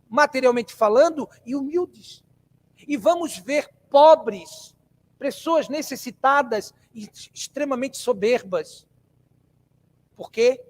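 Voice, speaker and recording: A Brazilian man delivers a spiritist talk in a meeting hall, his voice unusually high. He talks conversationally, poses questions to his listeners and repeats phrases to drive points home. The sound carries a long reverb from the room. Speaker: spiritist lecturer. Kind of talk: spiritist lecture to a live audience.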